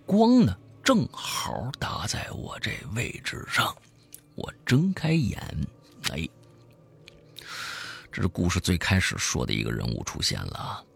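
A man who hosts a show, telling a scary story in the first person, swinging from hushed to loud. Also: fairly low pitch, wildly swooping pitch, moderate pace, creaky, husky. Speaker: host reading a listener's story.

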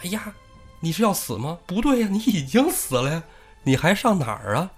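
A man voicing a nervous elderly wife whose husband has died, with shrill, startled exclaiming. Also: sing-song, a little fast, slightly rough, faint music behind, heavily acted. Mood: dismayed.

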